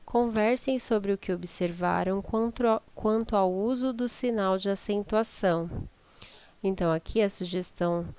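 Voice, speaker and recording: A woman's voice: mid-range voice, moderate pace, a little mellow, clear, resonant tone. A woman teacher with a Brazilian Portuguese accent, patiently going through textbook exercises step by step and often checking in with her students. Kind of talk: online class correcting exercises.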